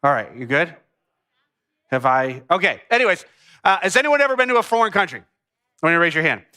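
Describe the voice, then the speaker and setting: A high, bright male voice carries a sermon full of jokes and asides. He is a pastor in his thirties, telling a personal story to the congregation before turning to the teaching. He sounds lively and talks straight to the room. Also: clean tone. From United States.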